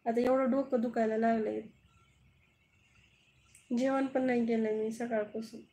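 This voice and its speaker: A woman's voice: a little high, flat delivery, measured pace, warm tone, poor audio. A woman from southern Maharashtra, chatting casually on a phone live stream and answering viewers one by one with frequent laughs. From Kolhapur, Maharashtra.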